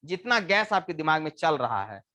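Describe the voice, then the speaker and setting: A male engineering teacher giving a live lecture, firing questions at his students and answering them himself, slowing right down to dictate definitions and using homely everyday examples. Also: fairly high pitch, big pitch swings, pushed and bright. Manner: slows to dictate definitions word by word.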